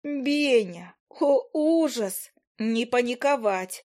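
A woman's voice: a little high, measured pace, darkish tone, natural voice. A woman voicing a dramatic, fussy female fairy friend who scolds and exclaims theatrically.

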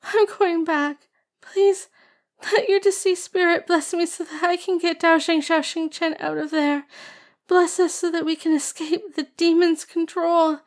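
A woman reading an audiobook and voicing a tearful, stubborn young girl who pleads and whines in a high, sobbing voice. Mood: pleading, tearful. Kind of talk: audiobook character voice.

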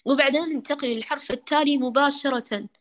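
A woman leads a Quran recitation lesson, her voice sitting a little high. She explains patiently, demonstrating each letter sound again and again, and addresses her students with warm terms of endearment. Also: fast talker. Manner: affectionate, addresses students as dears. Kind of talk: online class, tajweed correction lesson.

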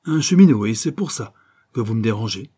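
A man putting on a hard, arrogant banker of robust maturity, snapping his words curtly and dismissively. Dark and husky in tone, a notch higher and louder than the reader's own voice. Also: a little fast. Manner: curt, arrogant. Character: arrogant ruthless middle-aged male banker.

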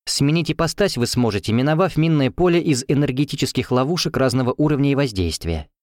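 A man's voice: medium pitch, expressive, fast talker, dry recording, studio quality, natural voice. A man voicing a politely intimidating female instructor in an audiobook, in his own voice. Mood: menacing. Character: sweetly menacing female instructor.

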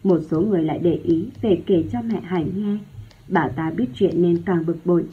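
A woman narrating a story in a steady, even reading manner, with a husky voice. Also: fairly low pitch, normal speed. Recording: tinny phone-like lo-fi sound.

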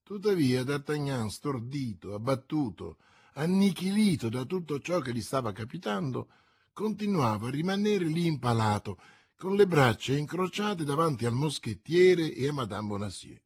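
Husky man reading a classic novel. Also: fairly high pitch, very animated, moderate pace. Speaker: audiobook narrator. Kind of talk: scripted literary narration.

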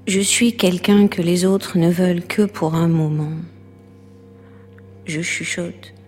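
A woman's voice: on the low side, big-room sound. A fragile, whispering woman. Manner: slow, hushed, often whispering. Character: lonely woman who weeps and whispers, fragile. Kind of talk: stage play.

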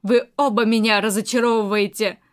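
A woman's voice: fairly high pitch, flat delivery, fairly quick, clear, resonant tone, close to an everyday voice. Woman voicing a mocking, domineering older aunt. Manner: mocking, scornful.

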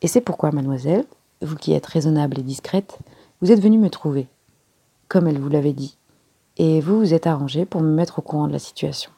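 A woman reading aloud and voicing an elderly male detective who is courteous, self-satisfied and measured in his speech. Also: on the high side, vocal fry, slightly rough. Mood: knowing. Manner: polite, measured, softly spoken. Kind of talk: audiobook character reading.

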